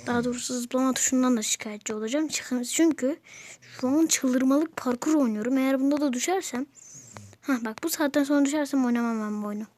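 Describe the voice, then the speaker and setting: A woman's voice: sits high, brisk, a little mellow, slight background noise. A woman giving casual gameplay commentary to her followers, grumbling and exasperated at the game. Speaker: gameplay video maker.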